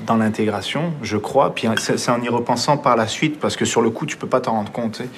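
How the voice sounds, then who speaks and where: A young man with a Quebec French accent speaks as a radio guest, reflective and storytelling. His words tumble out at a rapid clip, full of little restarts, with faint ambience behind him. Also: mid-range voice, a little hiss or hum. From Montreal. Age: young adult. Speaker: filmmaker guest. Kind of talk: casual radio conversation.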